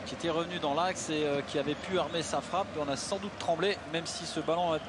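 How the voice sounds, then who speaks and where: Guy analysing football replays, bit high voice, stumbles and repeats words, loud stadium behind. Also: steady tone, brisk. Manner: hesitant, repeats words while explaining replays. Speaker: football co-commentator. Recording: very noisy stadium broadcast. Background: loud stadium ambience.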